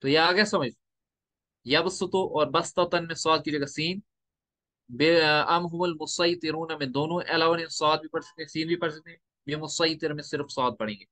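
Man, recitation teacher, step-by-step lecture, crisp bright tone, dry room sound. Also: fairly high pitch, fairly even intonation, no echo. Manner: explains step by step, slows to recite verses. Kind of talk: tajweed lecture with recited examples.

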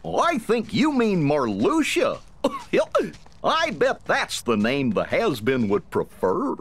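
Goofy, a husky, bouncy cartoon sidekick. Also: male voice, fairly high pitch, wildly swooping pitch, takes it slowly, full character voice. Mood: easygoing. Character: goofy, good-natured cartoon sidekick, male.

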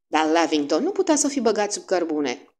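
A woman's voice: lowish voice, sing-song, a little mellow. A woman reading the lines of an earnest, sceptical male companion in a plain, slightly prim way. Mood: disapproving.

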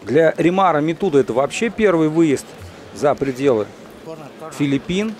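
A man giving live boxing commentary in measured, short phrases with pauses. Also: on the high side, expressive, a little mellow.

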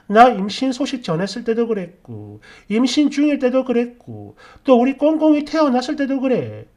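A man voicing an indignant young wife who rants in rapid complaints and rhetorical questions. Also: very high voice, darkish tone.

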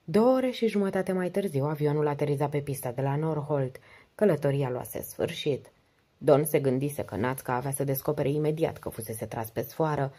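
A woman narrating an audiobook in a steady, measured way. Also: deep voice.

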